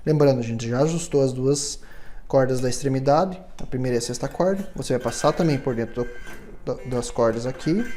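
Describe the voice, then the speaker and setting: A man's voice: a little high, warm tone. A man, giving a patient, step-by-step hands-on tutorial in a luthier's workshop and checking in often with his viewers. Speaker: luthier instructor.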